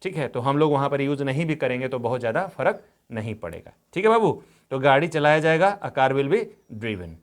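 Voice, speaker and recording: A man's voice: medium pitch, expressive, moderate pace, few pauses. A man teaching a grammar lesson, patiently dictating examples word by word and asking the students questions. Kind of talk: grammar lesson, explaining step by step.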